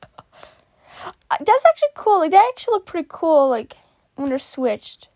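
Woman, high voice, lively swooping pitch, excitable, giggly, casual reaction commentary. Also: a little fast, no room sound. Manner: excitable, gasping, giggly, exclaims often. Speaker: vlogger reacting to fan art.

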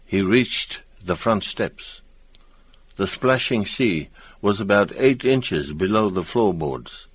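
A man narrates a storybook in a measured, low voice and at a slow pace. The recording is dry and close, with no room sound. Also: animated, husky, dry recording.

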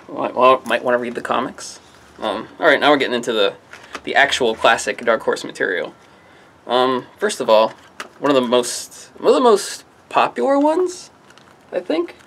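Guy from a comic shop rambling about new comics, jokey, trails off a lot, voice jumps around in pitch. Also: vocal fry, fairly bright tone, a little hiss or hum. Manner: rambling, offhand, often trailing into "I don't know"; jokey, self-mocking asides. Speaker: comic shop staff presenting new releases. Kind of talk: casual product rundown to camera.

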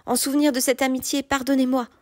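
A woman's voice: sits high, level tone, quick pace, darkish tone, no room sound, clean studio sound, pitched above the performer's own voice, natural voice. A woman reading an audiobook, voicing a remorseful, noble male knight who pleads earnestly for forgiveness. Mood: sorrowful.

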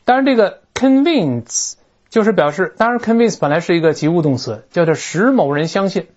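A teacher giving a recorded grammar lecture, animated and explanatory, drawing words out slowly to model how they sound. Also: medium pitch. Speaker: English teacher. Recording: dull lo-fi recording.

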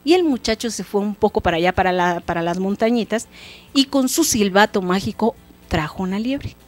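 A woman, hosting a show and telling a folk tale in a lively, expressive, casual way. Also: medium pitch, fairly quick, soft background music. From Mexico. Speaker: storyteller host. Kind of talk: folk tale storytelling for children.

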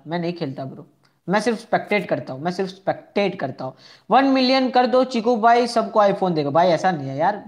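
A young man hosting a casual live game stream, chatting with viewers, repeating himself and asking for likes. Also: high voice. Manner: chatty, answers viewers' chat messages one by one.

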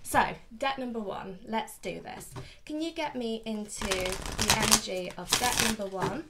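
A woman in her thirties, her voice medium in pitch and unhurried, gives a casual, chatty tarot reading to camera as host. She sounds slightly sniffly from hay fever, and the very noisy recording was made indoors in a small furnished room at her home.

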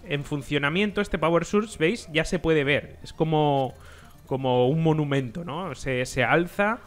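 Chatty man narrating gameplay. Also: a little high. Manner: relaxed, explanatory, with frequent fillers and restarts. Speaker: gameplay commentator. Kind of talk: casual gameplay walkthrough.

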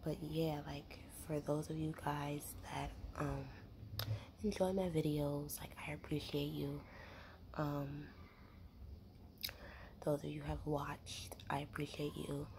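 Low, soft-voiced young woman rambling ASMR. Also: little pitch movement, takes it slowly, long pauses, noisy background. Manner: whispery, many fillers, chewing gum. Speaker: ASMR creator.

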